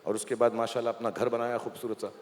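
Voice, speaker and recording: Male event host, mid-pitched, playful teaser of guests, large reverberant hall. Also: flat delivery, fast, a little mellow. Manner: teasing, joking, coaxing. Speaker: stage host. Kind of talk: playful stage banter with guests. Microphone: handheld microphone. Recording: long hall reverb, faint noise.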